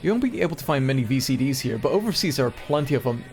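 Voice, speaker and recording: A man's voice: medium pitch, sing-song, rapid-fire, a little mellow. Guy from singapore reading old mag letters on stream, chatty tangents, mid voice, bit of music underneath. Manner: casual, chatty asides between readings. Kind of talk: reading a magazine aloud on stream.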